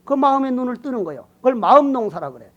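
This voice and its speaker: An older Buddhist monk delivers a sermon in a strikingly high voice. He talks in a folksy, teasing way, rising to loud calls and dropping to near-whispered asides. The recording is muffled and lo-fi. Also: sing-song, fast talker. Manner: colloquial, teasing and emphatic, swings between loud calls and quiet asides. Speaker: Buddhist monk giving a dharma talk.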